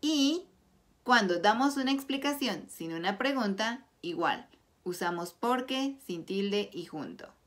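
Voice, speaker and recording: Slow, deliberate Spanish teacher woman. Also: medium pitch, animated. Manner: clear, deliberate explanation with example sentences. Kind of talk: slow scripted grammar lesson.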